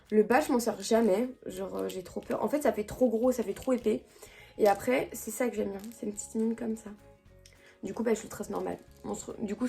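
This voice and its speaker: A woman's voice: mid-range voice, mellow. A young woman casually chatting through her makeup routine at home, rambling and slangy with lots of fillers and restarts. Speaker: beauty vlogger. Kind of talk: casual makeup vlog chat. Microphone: camera mic.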